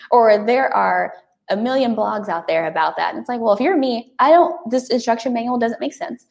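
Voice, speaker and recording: A woman talking as a guest on a podcast in a lively, casual way, often laughing and restarting her sentences. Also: fairly high pitch, normal speed, vocal fry.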